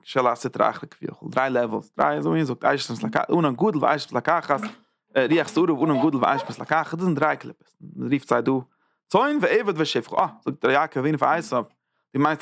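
A man delivers a Torah lecture, his voice gravelly and his pitch in a middle range. He often repeats phrases and checks in with listeners through short "ja?" asides. The recording sounds dry and close. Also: fairly bright tone, no room sound. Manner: tags points with quick "ja?" checks; repeats and restarts phrases while building an idea. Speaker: rabbi teaching Zohar.

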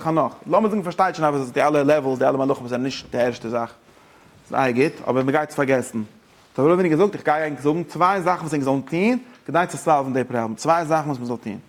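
Man, Torah lesson teacher, fairly high voice, rapid delivery, excited, stumbling restarts. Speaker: religious teacher.

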